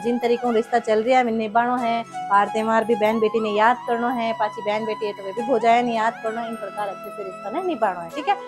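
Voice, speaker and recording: A woman's voice: a little high, fairly even intonation, a little fast, few pauses, music in the background. A woman with a Marwari accent hosting a comedy video, chatting to viewers and spelling out the lesson of the story. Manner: didactic, chatty. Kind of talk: addressing viewers, moral outro.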